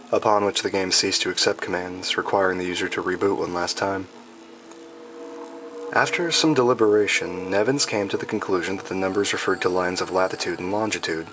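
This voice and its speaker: A man reading a scripted horror story in a measured, deliberate and ominous storytelling manner. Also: deep voice, low-quality recording. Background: background music.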